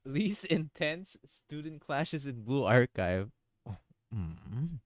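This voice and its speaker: A man reading a game story aloud and breaking off for excited, profane reactions. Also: mid-range voice, slow, dry recording. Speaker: gaming streamer.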